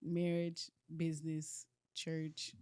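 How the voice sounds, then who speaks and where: A woman from Dallas, an interior designer guest, talking in an easygoing, soft-spoken way. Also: low-pitched, monotone, slow, clear, resonant tone, no echo. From Dallas, Texas. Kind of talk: casual interview chat.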